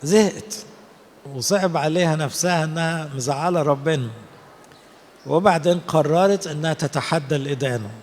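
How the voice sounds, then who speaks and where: In a cathedral, a man with an Egyptian Arabic accent preaches a sermon in a slightly high voice at a moderate pace. As a priest, he tells stories and acts out the people he quotes, with a big-room sound and slight background noise.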